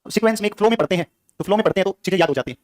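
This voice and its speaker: A male teacher giving a classroom lecture, quizzing his students with quick questions. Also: sits high, lively intonation, no echo.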